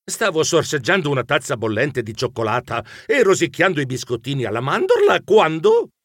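A man narrating a children's story with lively expression, squeaking when excited. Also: fairly quick, dry recording, clean studio sound. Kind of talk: animated audiobook narration.

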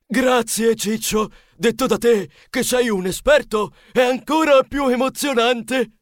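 High-strung cartoonish mouse cook, shrill and shouty, dry close read. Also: male voice, a little slow, dry recording. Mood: thrilled. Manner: shrill, squealing and exclaiming. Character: excitable male mouse pizza chef, high-strung. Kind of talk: audiobook character voice.

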